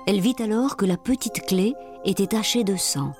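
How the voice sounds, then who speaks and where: A woman reading a fairy tale aloud in an expressive, dramatic storytelling manner. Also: medium pitch, normal speed. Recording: music playing behind.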